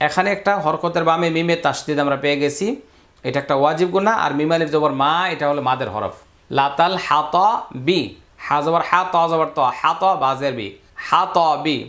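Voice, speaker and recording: In a step-by-step recitation lesson, a man with a Bangladeshi Bengali accent teaches Quran reading. He spells out letters and vowel marks, then chants the words slowly. His voice is a little high and a bit bright.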